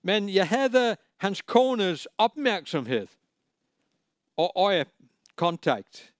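High-voiced preacher man, emphatic. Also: very animated, no echo. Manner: emphatic, repeats key phrases, plain and direct. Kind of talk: sermon.

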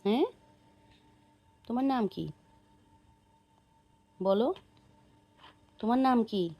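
A young mother in a home video, coaxing her toddler to eat with sing-song, gently scolding baby talk. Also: on the high side, slow.

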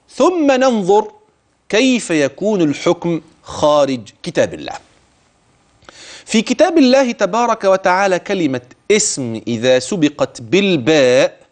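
A middle-aged man with an Egyptian Arabic accent teaching Quran recitation rules, voicing his students' questions and then answering them himself. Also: a little high. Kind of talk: tajweed lesson with recited verses.

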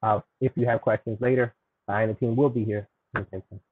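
A man's voice: on the low side, steady tone, fairly quick, no echo. A man, a city official, answering questions at a public meeting on a video call, hesitant with frequent restarts. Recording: tinny phone-like video call audio.

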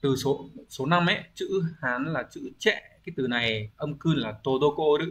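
Male language teacher, mid-pitched, patient explainer recording an online exam-review class; thinks aloud, lots of "uh" and rhetorical questions. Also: moderate pace, fairly bright tone. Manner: thinks aloud with frequent hesitation fillers.

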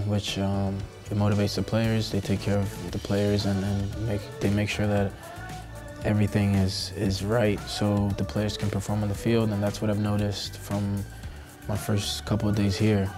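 A low-voiced man from Costa Rica answers questions in a seated studio interview, his voice staying level with little rise or fall. He hesitates often, restarting phrases and filling gaps, and faint music plays behind him. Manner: hesitant, many fillers and restarts. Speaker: professional soccer player. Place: indoor studio backdrop.

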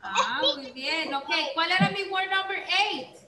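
A woman teaching an online class over a video call, patient and encouraging, repeating words slowly. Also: very high voice, a loud crowd. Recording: roomy video call with background hiss.

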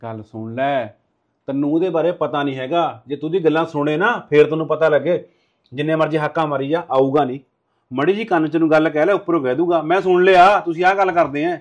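Casting: man as resentful, insistent husband, somewhat high voice. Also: fairly quick, natural voice. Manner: lecturing, insistent. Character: stern husband, resentful of his aunt.

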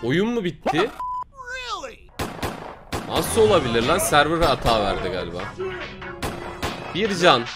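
A man hosting a gaming channel, chatting casually and excitably over his gameplay and quickly venting his frustration. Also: a little high, loud music behind the voice.

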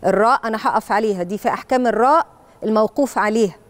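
Egyptian woman preacher, slightly high voice, patient step-by-step recitation teacher, slow drawn-out modelling of verses. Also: dry recording. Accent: Egyptian Arabic. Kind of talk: Quran recitation lesson for children.

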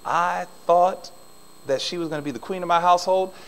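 A middle-aged man preaching a sermon in a church, swinging between loud emphasis and soft asides. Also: high voice, a little fast, rough recording. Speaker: pastor. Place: church sanctuary.

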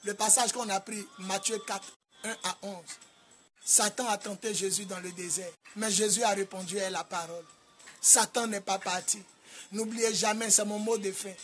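A man with an Ivorian French accent preaching a sermon in a sing-song cadence, rising to loud shouted commands. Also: high-pitched, steady tone, normal speed, soft background music. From Côte d'Ivoire. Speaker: apostle preacher.

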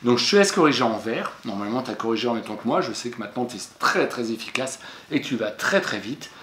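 A man's voice: mid-range voice, lively intonation, fast, a bit bright, slight background noise. Patient man correcting exercises for a child, echoey room. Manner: patient, addresses the pupil directly, spells words letter by letter. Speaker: teacher. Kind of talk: classroom lesson correction for young pupils.

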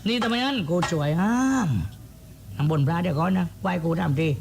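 A man's voice: high-pitched, lively intonation, fairly quick, noisy background. A man voicing a coarse rustic clown in a shadow-puppet comedy, bantering in silly slapstick fashion with a southern Thai accent. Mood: bickering, silly. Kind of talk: comic shadow-puppet dialogue.

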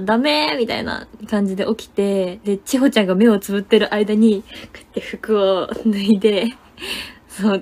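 A young woman telling a story in casual livestream chat, animated and laughing often, with lots of fillers. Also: medium pitch. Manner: chatty, many fillers and gesturing words. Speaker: idol livestreamer.

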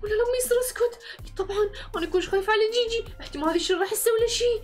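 A woman, the channel host acting as herself in a Minecraft movie, animated and breathless. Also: very high voice, rapid-fire.

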